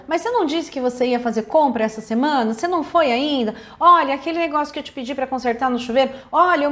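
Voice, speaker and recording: A woman psychologist with a Brazilian accent giving relationship advice in a direct, emphatic way, speaking straight to viewers. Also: on the high side. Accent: Brazilian Portuguese.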